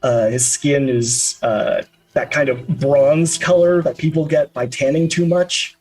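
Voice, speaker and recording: A man's voice: on the high side, fairly even intonation, measured pace, darkish tone, poor audio. A man narrating scenes as a tabletop game master, descriptive and full of hesitant uhs. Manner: descriptive, with frequent uhs and restarts.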